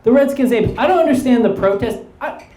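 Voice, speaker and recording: A young man doing stand-up storytelling on stage, animated and acting out other people's lines. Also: very high voice, a little fast. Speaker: stand-up comedian. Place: comedy stage before a laughing audience. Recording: roomy live club with crowd laughter.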